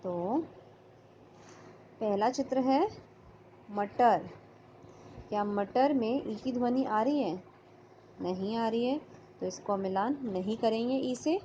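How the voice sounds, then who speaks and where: A woman's voice: on the high side, takes it slowly, long pauses, dark tone, slight background noise. A woman teacher going through a workbook lesson, patiently sounding out letters and words. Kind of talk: online class lesson. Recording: slightly dull lo-fi audio.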